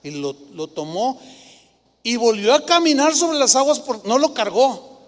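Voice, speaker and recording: A male pastor, preaching a sermon and telling stories with lively rhetorical questions. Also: extremely high pitch, measured pace. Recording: long hall reverb.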